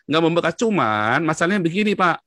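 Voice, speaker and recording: A man from Indonesia telling his story in an interview, excitable, his voice jumping up in pitch as he gets worked up. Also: fast, no room sound, studio quality. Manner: excitable, with sudden jumps in pitch and frequent address to the listener.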